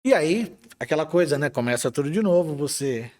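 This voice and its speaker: A man with a Brazilian Portuguese accent, an IT manager interviewed as a guest, telling stories in a relaxed way with some hesitant restarts. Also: a little high, brisk. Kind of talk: conversational interview.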